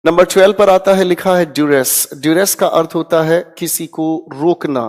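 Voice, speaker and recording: A man's voice: on the high side, normal speed, a little mellow, in a large hall. A man teaching English vocabulary in Hindi for exam prep, drilling words aloud with his students and checking in often.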